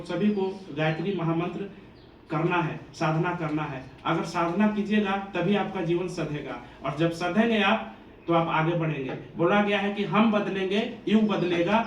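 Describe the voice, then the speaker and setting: A man from Bihar who runs a coaching institute, giving an earnest, devotional motivational address to students. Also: fairly high pitch. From Bihar, India. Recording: echoey room, distant mic, faint ambient noise.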